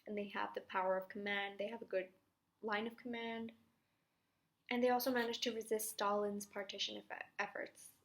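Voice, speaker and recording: Her medium-pitched voice is flat in delivery and moderately paced as this young woman talks through history revision notes. The casual study-video explanation is chatty, with self-deprecating asides and an odd whisper here and there.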